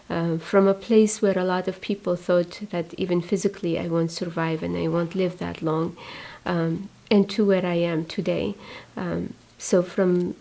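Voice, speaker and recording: A woman in her forties from Iraq, a religious sister giving a hesitant, reflective testimony with many pauses. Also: fairly low pitch, vocal fry, rough recording. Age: 40s. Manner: soft-spoken, hesitant with many fillers. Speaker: religious sister, community founder.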